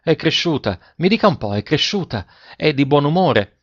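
A trembling, exclamatory gardener father, pushed up in pitch and full of feeling, as a man voices him in a storybook reading. The recording sounds slightly muffled and lo-fi. He pleads and marvels in turn. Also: big pitch swings, moderate pace, no echo. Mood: sorrowful. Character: grieving, overjoyed middle-aged gardener father. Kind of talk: audiobook reading.

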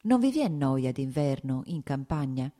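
A woman voicing Kitty, a gentle, torn young woman, in a classic novel audiobook reading with soft, measured lines. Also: a bass voice, very animated, exaggerated voice. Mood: calm.

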